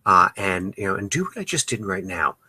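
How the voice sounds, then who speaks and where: A man's voice: deep voice, very animated, fairly quick, bright, forceful tone, husky, no echo. A man hosting a parenting podcast, giving advice in a loose, conversational way with frequent "uh" and "you know" fillers. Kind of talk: advice talk.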